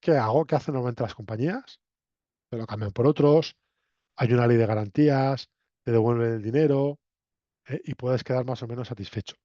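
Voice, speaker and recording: This university lecturer from La Mancha, Spain, speaks Castilian Spanish in a dark, medium-pitched voice at a slightly quick pace. He teaches students in a conversational, didactic way, often tossing in short tag questions to check in. The recording is dull and lo-fi with a roomy echo.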